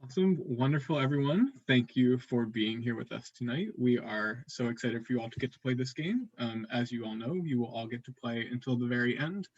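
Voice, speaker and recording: A man's voice: mid-range voice, expressive, brisk, hardly any pauses, dry recording. A man hosting a live online social strategy game over a video call, upbeat and full of fillers. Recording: dull lo-fi call audio.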